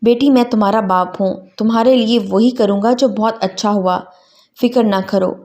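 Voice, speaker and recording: A woman's voice: mid-range voice, darkish tone, natural voice. Woman reader as a firm, loving older father, storybook style.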